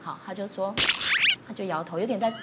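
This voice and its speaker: A woman on a TV talk show telling an animated story about her daughter and acting out the quotes. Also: medium pitch, fairly quick, heavy background noise. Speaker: panel mother.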